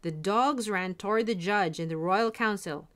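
A woman reading a fairy tale aloud in an expressive, animated storytelling manner. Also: mid-range voice, normal speed.

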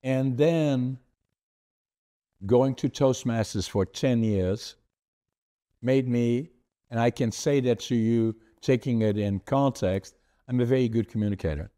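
Speaking at a medium pitch with a mellow tone, this older podcast host from the Netherlands recounts his life over a video call in Dutch-accented English, not his native language. His storytelling is conversational, earnest, and deliberate, accompanied by hand gestures. Framed certificates hang in his home office behind him.

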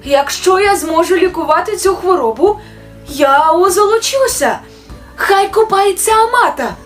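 A scheming storybook witch, thrilled at the money her herbs could bring her, put on by a woman reading aloud. Her voice is high and keen. Faint music plays behind her. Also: measured pace. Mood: excited. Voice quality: excited, high and eager. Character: greedy herbalist witch, eager and scheming.

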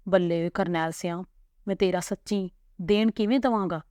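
A woman's voice: lowish voice, normal speed, a little mellow, dry recording, studio quality, lightly acted. Malkit, a fond village father, voiced by a woman. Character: proud, tender middle-aged village father.

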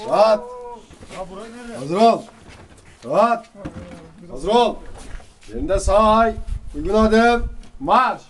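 A man's voice: sits high, animated, drawn-out words, pauses often. A young man, a soldier, barking drill commands at his unit. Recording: loud amateur outdoor recording with crowd. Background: loud crowd of soldiers.

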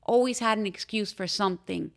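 A young woman from Miami, telling her own story as a podcast interview guest in a candid, halting way, with frequent fillers and restarts. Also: medium pitch, gravelly. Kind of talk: personal testimony in a podcast interview.

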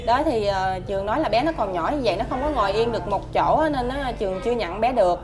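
A woman's voice: fairly high pitch, animated, quick pace. A woman with a Southern Vietnamese accent answering interview questions about her child, hesitant and polite, with many fillers.

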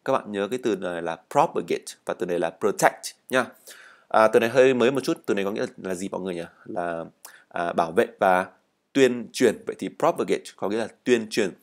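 A man's voice: fairly low pitch, quick pace. A man teaching an English speaking lesson, explaining in Vietnamese, reading model answers and having students repeat words after him. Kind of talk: spoken language lesson.

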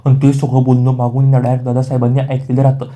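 A man's voice: medium pitch, monotone, quick pace, warm tone. A man narrating a recap of an upcoming serial episode, repeatedly addressing the viewers with the same filler phrases.

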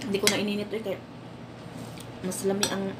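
A Visayan-accented woman chats loosely while eating, talking through a mouthful of food between bites. Her pitch sits in an ordinary middle range and her talk rambles with fillers. Clinking dishes and cutlery sound clearly in the background. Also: monotone, quick pace. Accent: Filipino, Visayan. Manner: chatty, rambling with many fillers. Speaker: vlogger. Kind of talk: casual mukbang vlog. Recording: noisy room with clinking dishes.

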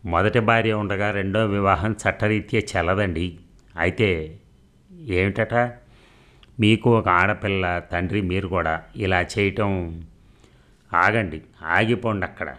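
A man's voice: deep voice, fairly even intonation, unhurried, a bit bright. A man reading a novel aloud, narrating and voicing every part with small shifts in his voice and a few slips and restarts. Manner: reads dialogue with light voice changes, some slips and restarts. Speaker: novel reader. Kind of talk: audiobook narration of a novel, voicing all parts.

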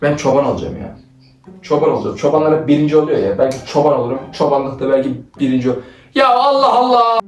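Teasing young man with a lively voice. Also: a little high, fast. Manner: teasing, bossy, often laughing. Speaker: older brother directing a skit. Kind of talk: playful sibling role-play skit. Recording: roomy, from a distance, faint music.

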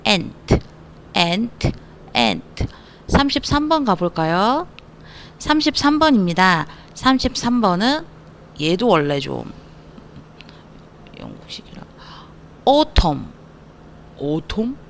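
A woman teaching English spelling to young students in an online lesson, playful and energetic, joking as she spells words out slowly. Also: mid-range voice, gravelly, slight background noise. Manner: playful, energetic, self-mocking asides; slows down to spell letters out.

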